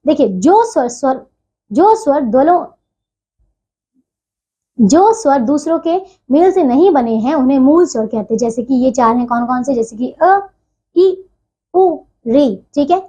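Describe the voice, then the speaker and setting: A woman teaching a grammar lesson to children, slowing down to spell out each sound and checking in again and again. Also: sits high, animated, dark tone. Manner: repeats "ठीक है" as a check-in, slows to spell out sounds. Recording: dull lo-fi audio.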